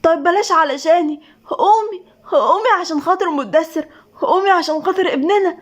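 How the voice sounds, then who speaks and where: A woman's voice: extremely high pitch, a little fast, pitched above the performer's own voice. A woman voicing a grief-stricken young husband pleading in Egyptian Arabic. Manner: pleading, voice rising in anguish.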